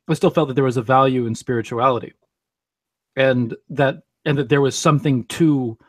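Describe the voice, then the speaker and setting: A man speaking bluntly and tersely in a casual online debate hangout. His voice sits at an ordinary pitch. The sound is dry and close. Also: dry recording. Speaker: pagan guest in a debate hangout.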